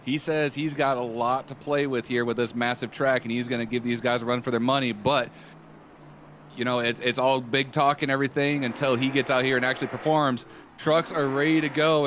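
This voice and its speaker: A man's voice: medium pitch, steady tone, brisk, a bit bright, a little hiss or hum. Folksy man commentating truck races. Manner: folksy, joking, easygoing. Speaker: race commentator. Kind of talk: play-by-play commentary. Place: commentary booth at a fairground track.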